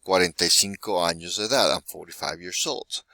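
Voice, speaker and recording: A man's voice: low voice, brisk, gravelly, bright, forceful tone, no room sound. A man in his forties teaching a Spanish lesson, patient and often checking in with "right?". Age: 40s. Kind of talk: recorded classroom lesson.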